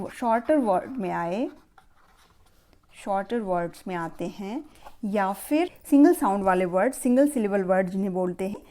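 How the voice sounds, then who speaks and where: Slow, patient woman teaching phonics. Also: medium pitch, dark tone. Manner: slow, patient, repeating words for learners. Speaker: phonics teacher and channel host. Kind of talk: explaining pronunciation rules to children's parents.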